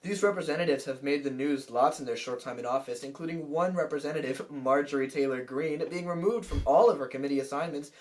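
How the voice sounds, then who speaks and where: A man's voice: on the high side, fast talker, hardly any pauses. Young man reading wry news. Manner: wry, lightly joking. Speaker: student news anchor.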